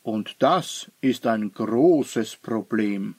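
Man playing a slow, grave old wizard. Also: lowish voice, animated, a little mellow, dry recording, exaggerated voice.

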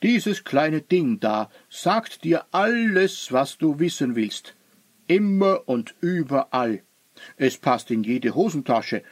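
Man playing a slow, grave old wizard. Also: fairly high pitch, big pitch swings, dry recording, full character voice.

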